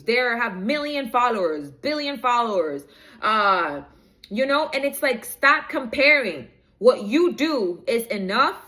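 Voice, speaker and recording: Woman doing a spiritual reading, kinda high voice, preachy, talks right at the viewers, scatterbrained w her notes. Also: sharp tone. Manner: preachy, direct address to viewers; rambling, loses her notes mid-talk. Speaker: spiritual reader. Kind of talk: inspirational reading to camera.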